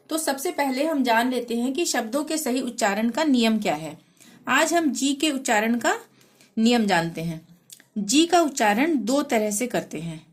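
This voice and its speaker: A woman teacher explaining pronunciation rules patiently, spelling out words letter by letter and repeating each rule. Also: a little high. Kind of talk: language lesson.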